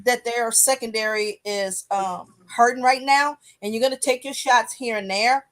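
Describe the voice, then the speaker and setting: A woman's voice: on the high side, normal speed, fairly bright tone. A woman with a Texan accent co-hosting a sports podcast, talking bluntly with plenty of profanity. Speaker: podcast co-host. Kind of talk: casual sports talk.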